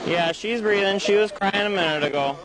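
A male police officer outdoors on a street, calmly repeating short reassurances during an emergency. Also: sits high, a little fast. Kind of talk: urgent on-scene talk during an emergency. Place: outdoors on a residential street beside a police car. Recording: bodycam audio with crowd noise.

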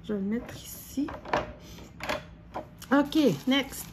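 Gushing Québécois woman unboxing, slow-paced. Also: high voice, background noise. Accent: Québécois French. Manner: gushing, with gasps, squeals and repeated exclamations. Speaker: diamond painting vlogger. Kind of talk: excited unboxing chat.

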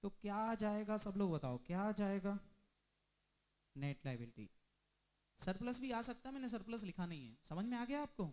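A male commerce teacher lecturing a class, mixing Hindi with English terms and firing quick questions at students. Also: high voice, animated, a little mellow. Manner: drills students with rapid questions.

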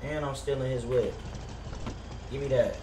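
A young adult man streams a game from an indoor room at his gaming setup, his medium-pitched voice steady and moderately paced as he trades casual, brash, profane slang with viewers. The recording sounds roomy and distant, with faint noise.

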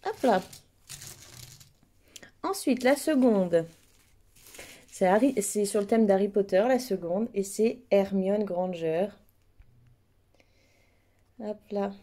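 A woman's voice: mid-range voice, slow pace, pauses often, dark tone. A woman chatting casually through an unboxing in an effusive, admiring way, her mouth numb from the dentist so that speech is slightly impeded. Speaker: host of unboxing videos.

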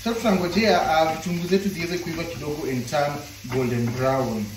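A man with a Kenyan accent giving a relaxed, chatty home cooking tutorial, switching between Swahili and English. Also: on the high side, brisk, noisy background. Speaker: home cook vlogger. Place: home kitchen. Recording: echoey kitchen with loud frying sizzle.

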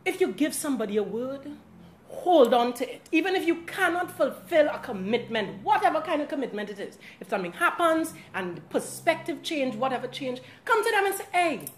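A young woman with a Trinidadian accent giving a sassy, dramatic comic monologue to camera as a vlogger, her loudness swinging widely. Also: sits high, very animated, a little fast, echoey room, a little hiss or hum.

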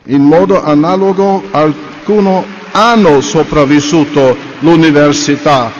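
A man delivering a sermon in an earnest, measured way, full of rhetorical questions to his listeners. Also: on the high side, slight background noise. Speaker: speaker at a religious convention. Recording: dull reverberant recording.

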